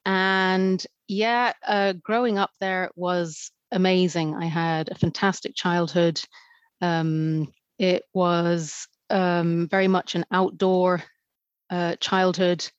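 A woman's voice: fairly low pitch, level tone, takes it slowly, clean tone, no echo, muffled recording. A woman from Zambia, a podcast guest chatting casually with many fillers. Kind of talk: casual interview chat.

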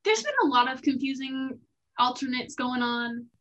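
A woman's voice: sits high, animated, moderate pace, a bit bright, lo-fi sound. A young woman in a casual hockey chat, opinionated and explaining at length.

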